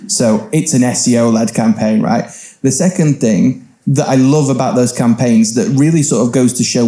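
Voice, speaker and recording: A man speaking as a panel expert at a live event, explaining briskly and swearing casually. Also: mid-range voice, warm tone, roomy sound. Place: event venue with live audience.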